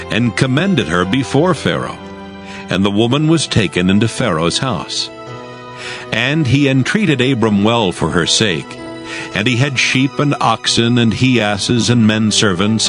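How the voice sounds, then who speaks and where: Over background music, a lowish-voiced man narrates a dramatized, scripted scripture reading with solemn, measured storytelling.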